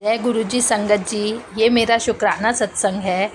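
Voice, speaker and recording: A woman telling a personal devotional testimony in an earnest, halting way, stopping now and then to find her words. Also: mid-range voice, steady tone, slight background noise.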